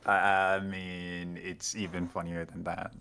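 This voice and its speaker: A man with a low, gravelly voice trades casual banter over a card game. He teases his opponent and drops into quiet, mumbled asides. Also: completely flat delivery, unhurried. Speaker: co-host and opponent.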